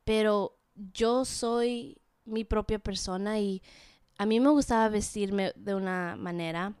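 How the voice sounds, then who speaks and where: Twenty-something woman talking slow on her podcast, smooth clear voice, keeps stopping to find words, dry close mic. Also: medium pitch, a little mellow, dry recording. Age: 20s. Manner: halting, searching for words, mixes English fillers into Spanish. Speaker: podcast host. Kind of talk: casual personal monologue.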